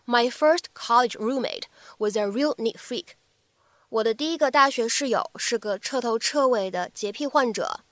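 A woman English teacher giving a spoken English lesson, lively, explaining in short chunks and repeating phrases slowly. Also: a little high, no room sound.

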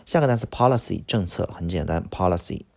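A man teaching English vocabulary in a recorded lesson, explaining each word with quick example sentences and frequent "OK" fillers. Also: low-pitched, lively intonation, creaky, darkish tone.

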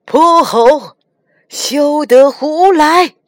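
A stern monk master in a children's storybook, voiced by a woman, dragging out each scolding word. He speaks loudly and slowly, in a dry, close sound. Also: on the high side, big pitch swings, dry recording, heavily acted. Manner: slow, drawn-out scolding. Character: stern, soft-hearted old monk master.

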